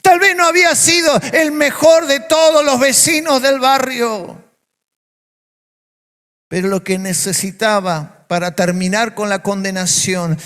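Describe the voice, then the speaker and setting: High-voiced Argentine pastor preaching slowly. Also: male voice, a bit bright, long reverb tail. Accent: Argentine Spanish. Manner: emphatic preaching with repeated phrases. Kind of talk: sermon. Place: church.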